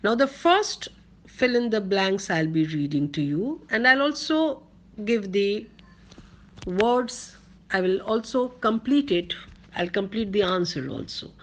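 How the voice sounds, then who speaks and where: A woman with an Indian English accent giving a college grammar lecture, dictating slowly and repeating each point so students can take notes. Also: medium pitch, expressive. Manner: slow, deliberate dictation, repeating words for note-taking.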